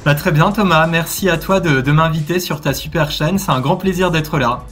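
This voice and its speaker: A man's voice: fairly high pitch, a bit bright, soft background music. Earnest man in his thirties. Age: 30s. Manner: earnest, measured, frequent hesitations. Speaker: literature and philosophy teacher, guest author. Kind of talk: casual video interview.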